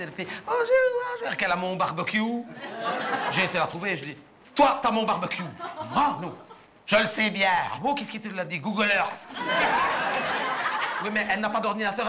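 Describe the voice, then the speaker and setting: A man's voice: high-pitched, expressive, a little fast, very noisy. A man with a Belgian French accent playing a naive, gossipy middle-aged housewife in a chatty, indignant stand-up monologue on a theatre stage. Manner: chatty, indignant, breathless storytelling. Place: theatre stage before live audience.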